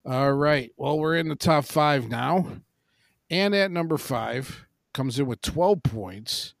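A man's voice: fairly high pitch, expressive, slow pace, gravelly, no room sound, clean studio sound. A man hosting a casual podcast countdown, blunt and a bit profane as he moderates his co-hosts. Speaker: podcast host running a countdown list.

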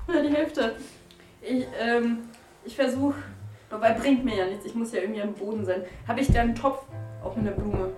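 Woman, tabletop role-play player, playful banter, higher voice, echoey room, music underneath. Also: brisk. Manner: playful, excitable, laughing often.

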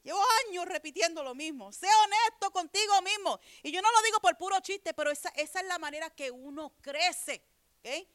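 A woman's voice: high voice, brisk, fairly bright tone, no room sound, studio quality. A woman preaching a sermon in a conversational way, often checking in with her listeners and reading scripture aloud before explaining it. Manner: conversational preaching, repeatedly asks "¿verdad?".

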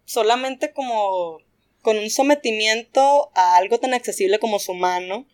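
A young adult woman with a Mexican accent, telling stories as a guest in a casual chat, animated and slangy, laughing often. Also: a little high, moderate pace.

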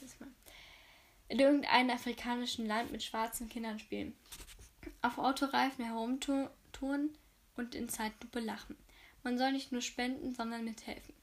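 A woman reading a novel aloud for her viewers and making chatty, frank asides about the story. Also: on the high side.

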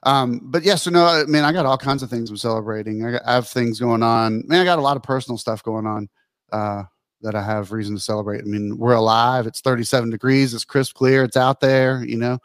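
A man's voice: medium pitch, steady tone, a little fast, dry recording, clean studio sound. A middle-aged man co-hosting a podcast in casual chat, rambling and laughing through his stories. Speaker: podcast co-host.

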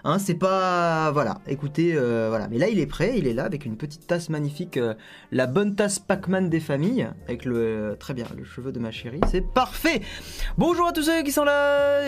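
A streamer chatting loosely on a tech live stream, his voice sitting a little high. He jokes with the chat, stumbles over fillers, and faint music plays behind him. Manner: chatty, many fillers, jokey asides.

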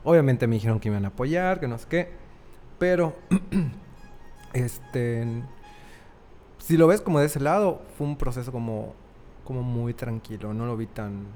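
A man's voice: medium pitch, animated, moderate pace, long pauses, mellow, faint music behind. A young man with a Mexican Spanish accent, telling a personal story in a casual chat and laughing often. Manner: chatty, laughs often, acts out quoted voices.

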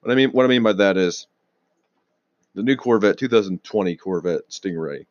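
A young man casually rambling on his own show, restarting sentences, swearing now and then and clearing his throat a lot, sounding tired. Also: on the low side, moderate pace, no echo, dull audio. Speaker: auto news vlogger.

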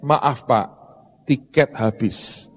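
A man voicing a timid airport ticket clerk who apologizes in a low, flat way. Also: drawn-out words, husky, long reverb tail. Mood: apologetic.

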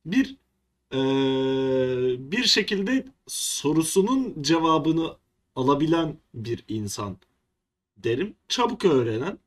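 A man's voice: on the high side, very animated, slow. A young man co-hosting a casual chat, making laid-back, teasing replies. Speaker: podcast co-host.

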